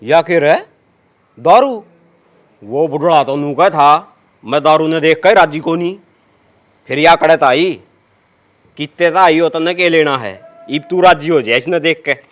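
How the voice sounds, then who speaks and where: A man's voice: fairly high pitch, measured pace, pauses often, natural voice. A man with a Haryanvi accent playing a cowardly yet boastful village drunkard in a comedy skit, blustering and plaintive. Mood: grumbling, vengeful. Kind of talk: rural comedy skit acting.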